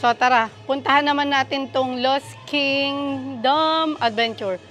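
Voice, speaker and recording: A woman with a high voice films herself touring an indoor theme park and exclaims excitedly to her viewers. She speaks in a casual vlog style into a handheld phone. Faint music plays in the background. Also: unhurried. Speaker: vlogger. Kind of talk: casual travel vlog narration.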